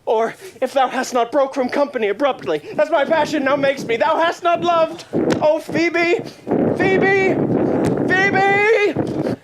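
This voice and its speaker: An actor playing a passionate, lovesick young shepherd with declamatory, impassioned stage Shakespeare delivery. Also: male voice, very high-pitched, normal speed, few pauses, background noise. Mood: yearning.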